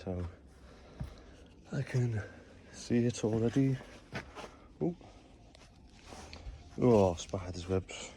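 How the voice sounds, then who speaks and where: This chatty tradesman records his jobs on a handheld phone, talking through plumbing and electrical fixes and leaning on the word "obviously." His voice sits on the low side and is dark, with drawn-out words and long pauses. Slight background noise is present.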